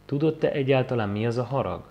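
A man's voice: medium pitch, vocal fry, darkish tone, muffled recording, voice pushed up, close to an everyday voice. A man voicing a crude, mocking drunk in a wine bar in an audiobook, taunting and swearing at his companion. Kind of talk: audiobook character voice.

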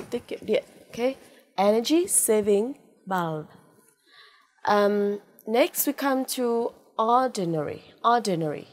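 Woman, Vietnamese accent, English teacher; drawn-out word drills, patient coaxing delivery with "ok" fillers. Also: medium pitch, darkish tone. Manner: slow, drawn-out repetition of English words; frequent "ok" and "à" fillers, coaxing "đúng không ạ?". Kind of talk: vocabulary lesson with pronunciation drills.

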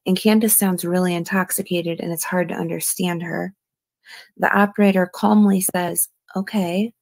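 A woman's voice: fairly low pitch, fairly even intonation, moderate pace, gravelly, darkish tone, no echo. A woman commenting on a true crime case, reading out a call and hedging her views with "in my opinion.". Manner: hedging, often adds "in my opinion".

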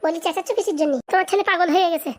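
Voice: very high voice, steady tone, racing. A voice actor playing a worried village mother who pleads and frets over her son. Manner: anxious, pleading. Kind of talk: comic cartoon voice acting.

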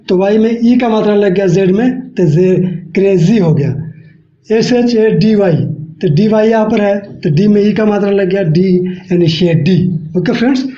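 A man with a high voice teaches English pronunciation, spelling each word out letter by letter and checking in with his viewers over and over. The audio is dull and lo-fi, and it echoes around a bare room. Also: darkish tone. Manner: spells words letter by letter, repeats "ok friends". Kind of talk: spoken-English lesson.

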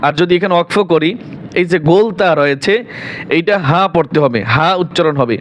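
A man teaching Quran reading, spelling out syllables one by one and then reciting them in a patient, drawn-out sing-song. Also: a little high, animated, a little hiss or hum. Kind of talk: spelling out and reciting verses slowly.

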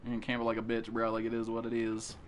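A young man streaming a shooter game, cursing constantly, yelling and complaining in loose casual commentary. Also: lowish voice, fast, slight background noise. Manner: excitable, swears constantly, yells and complains.

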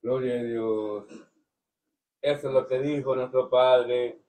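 A man's voice: mid-range voice, steady tone, darkish tone, recorded from a distance, rough recording. A man giving a fervent devotional testimony, often breaking in with praise to the Lord. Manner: fervent, slow, frequent "Señor" interjections. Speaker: church member giving testimony.

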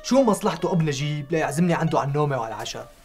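Fast-talking gullible poor bachelor. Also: male voice, a little high, expressive. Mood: polite. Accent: Damascene Arabic. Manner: polite, evasive, quick to believe. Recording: TV drama audio with music behind.

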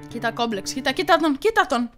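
Bright excitable woman gamer. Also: sits high, faint music behind. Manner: excitable, shouting reactions and playful taunts. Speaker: gaming YouTuber. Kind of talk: let's play commentary.

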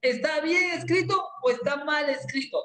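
A male English teacher teaches a class in a playful, animated way and quizzes his students. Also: very high voice, normal speed, roomy sound, rough recording. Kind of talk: classroom lesson.

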